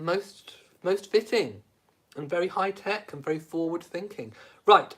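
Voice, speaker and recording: A man in his late 30s hosts a casual live stream, reading out viewer comments. His voice is fairly high and fairly bright. His humour is cheeky, camp, and self-mocking, with frequent laughs.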